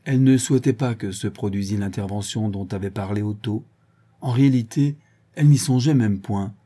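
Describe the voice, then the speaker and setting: A man narrating a classic novel in a measured, dramatic reading. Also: lowish voice, mellow, slightly rough. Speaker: audiobook reader. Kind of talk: scripted narration.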